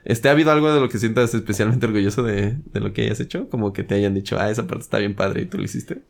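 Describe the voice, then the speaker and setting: Low-voiced interviewer. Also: male voice, quick pace, creaky. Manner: curious, conversational questions. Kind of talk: casual interview conversation.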